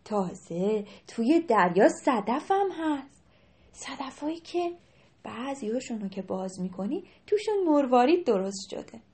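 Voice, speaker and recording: A woman voicing a gentle mother of a little girl in a storybook reading, speaking softly and soothingly. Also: fairly high pitch, sing-song.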